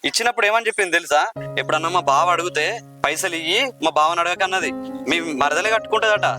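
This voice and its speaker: An actor with a Telangana Telugu accent playing a smug village moneylender who waves objections away. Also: male voice, high voice, fast, music in the background, lightly acted. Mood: dismissive. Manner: offhand, brushing off objections. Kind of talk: village drama acting.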